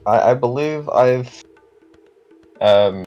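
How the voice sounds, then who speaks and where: A man's voice: mid-range voice, extremely slow, darkish tone, dull audio, faint music behind. A man playing a tabletop game, cracking jokes and laughing at his own rolls. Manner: joking, laughs often. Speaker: player. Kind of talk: casual tabletop play.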